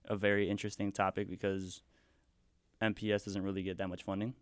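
A young man from the US Midwest who grew up speaking Spanish at home chats as a podcast guest in a laid-back, rambling conversation. His voice is low and fairly flat in pitch, his pace quick, and the recording dry.

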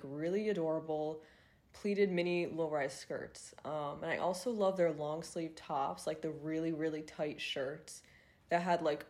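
In a low, slightly mellow voice, a twentysomething woman runs a casual solo podcast. She's stuffed up and nasal, and her chatter is full of fillers and curse words.

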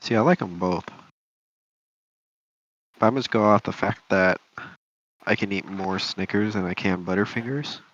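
A man's voice: deep voice, moderate pace, pauses often, a bit bright. A man co-hosting a podcast in casual chat, giving short laid-back answers. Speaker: podcast co-host. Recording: slightly dull lo-fi sound.

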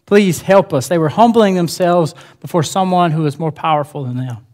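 A man's voice: a little high, brisk, darkish tone. A male pastor preaching a sermon in a church, earnest and emphatic, repeating his key phrases.

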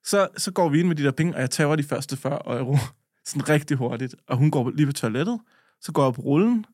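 A man co-hosting a podcast, telling stories in a casual, animated way with swearing and laughter. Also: fairly high pitch, dry recording, clean studio sound. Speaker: podcast co-host. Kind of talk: casual storytelling chat.

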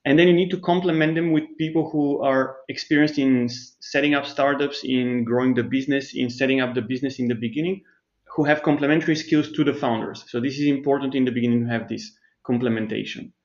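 A man from Bulgaria, a startup CEO, answering interview questions in a measured, explanatory way, with restarts and thinking pauses. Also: mid-range voice, steady tone, muffled recording.

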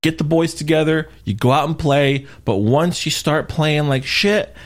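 A man's voice: fairly high pitch, normal speed. A young man co-hosting a casual golf podcast, joking and swearing with a friend and laughing often. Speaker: podcast co-host. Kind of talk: casual chat.

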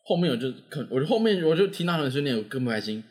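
A man's voice: on the high side, very fast. A young man with a Taiwanese Mandarin accent, telling a story in casual chat and acting out the voices of the people in it. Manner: lively, animated, acts out quoted voices.

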